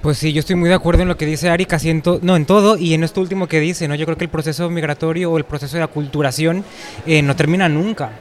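Thoughtful man with a fairly high voice. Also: steady tone. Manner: thoughtful, earnest, at times quick. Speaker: panel guest. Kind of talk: reflective conversation.

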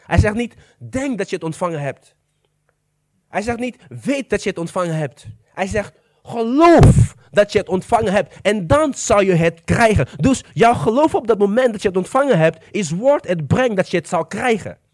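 High, lively preacher voice, dry mic. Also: male voice, moderate pace, no echo. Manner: emphatic, asks the congregation questions, slips into English phrases. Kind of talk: sermon.

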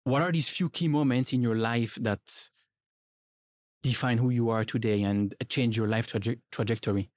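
Casting: male podcast host, mid-pitched, eager interviewer, close dry studio sound. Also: steady tone, moderate pace, a little mellow, no room sound. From Switzerland. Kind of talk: interview conversation.

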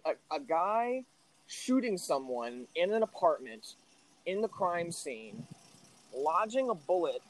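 A man's voice: sits high, low-quality recording. A young man co-hosting a casual podcast, ranting with run-on sentences and profanity while walking through his home. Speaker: podcast co-host.

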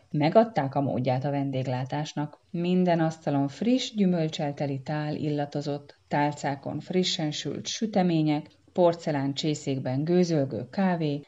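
A woman narrating a children's storybook in a lively, expressive way. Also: low-pitched, lo-fi sound. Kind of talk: storybook reading.

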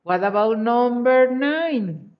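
An animated English teacher with a mid-range voice checks exercise answers in a live class, moving between English and Spanish. The delivery is slow and deliberate, each answer met with short, encouraging praise, and the audio is dull and lo-fi.

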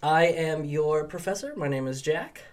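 A man's voice: fairly high pitch, normal speed. A man co-hosting a podcast as a professor, in rambling casual chat full of ums and restarts.

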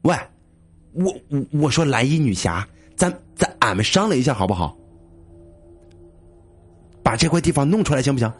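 A man's voice: mid-range voice, very animated, moderate pace, pauses often, husky, soft background music. A man voicing a crude male college student who swears freely and bosses people about impatiently. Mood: annoyed grumbling. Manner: swears a lot, bossy and impatient.

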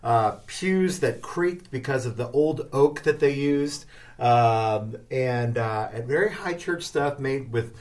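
A man's voice: mid-range voice, takes it slowly, a little mellow. A man co-hosting a casual podcast chat, sounding slightly distant from a small shared microphone. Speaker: podcast co-host. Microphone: small microphone shared by two people, slightly distant.

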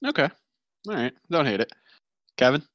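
A man's voice: mid-range voice, big pitch swings, moderate pace, a bit bright, no room sound, lo-fi sound. A man hosting a podcast in casual, comedic banter with friends. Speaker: podcast host.

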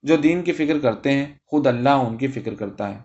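A man's voice: medium pitch, a little mellow, lightly acted. A man voicing a pious older cleric and father who lectures his wife in a self-righteous tone, on a dull recording. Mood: preachy.

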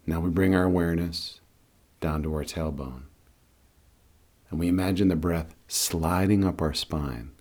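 A man leading a guided meditation in a calm, soothing, unhurried way. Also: low-pitched. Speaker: guided meditation and breathing teacher.

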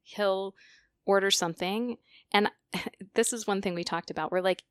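A woman's voice: mid-range voice, moderate pace, no room sound. A woman speech-language pathologist speaking as a guest in a podcast interview, emphatic and passionate, often restarting her sentences.

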